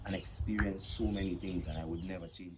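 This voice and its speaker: A man's voice: sits low, fairly even intonation, a little fast. A young man, a DJ and promoter chatting as an interview guest in a laid-back way, full of fillers and "yeah, man". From Saint Vincent and the Grenadines. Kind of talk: casual interview chat. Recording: loud background noise.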